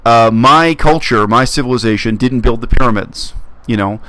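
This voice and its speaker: Man, from canada, earnest, reflective, halting restarts, casual monologue, medium pitch. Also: sharp tone, no echo. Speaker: YouTube commentator.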